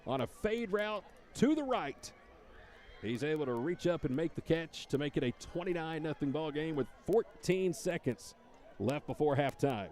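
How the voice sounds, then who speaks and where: A man calling high school football play-by-play, rising to shouts on big plays. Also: animated, normal speed. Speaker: play-by-play announcer.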